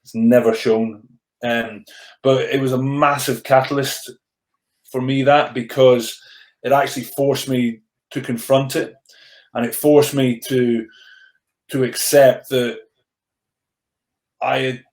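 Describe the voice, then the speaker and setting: Slow and flat, with long pauses, this thirty-something man speaks in a darkish medium-pitched voice while recounting his path from rugby player to coach on a podcast. His mostly controlled stammer shows in frequent restarts and repeated words, and the bare room gives the recording an echo.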